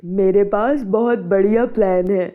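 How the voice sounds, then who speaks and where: A woman's voice: mid-range voice, fairly even intonation, a little slow, lightly acted. Woman voicing a firm, decisive neighbour man. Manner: firm, reassuring planning. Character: calm helpful male neighbour, steady and decisive. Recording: tinny phone-like sound.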